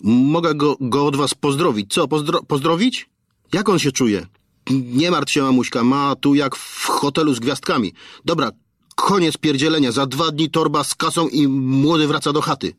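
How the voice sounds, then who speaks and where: A man's voice: a little high, normal speed, a bit bright, no room sound, studio quality, pitched above the performer's own voice. A man reading an audiobook, voicing a crude male kidnapper who stammers and mocks over the phone. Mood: mocking. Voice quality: stammering, slangy and mocking.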